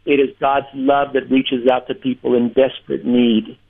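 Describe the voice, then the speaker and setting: A man who is a pastor, telling his story in an earnest, measured way during a radio interview by phone. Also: medium pitch, level tone, gravelly. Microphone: telephone. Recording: tinny phone line.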